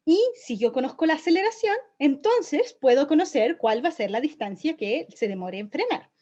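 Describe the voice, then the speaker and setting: A young woman lectures on physics with a slightly high voice, explaining each step patiently and checking in with "¿sí?" every few lines. Her recording sounds dull and a bit lo-fi, like a home lesson video. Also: lively intonation, normal speed, a little mellow. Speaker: physics teacher.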